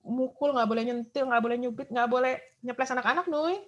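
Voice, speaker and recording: A woman's voice: on the high side, a little fast, lo-fi sound. A woman from Indonesia, a guest in a casual chat, telling stories animatedly and acting out her children's voices.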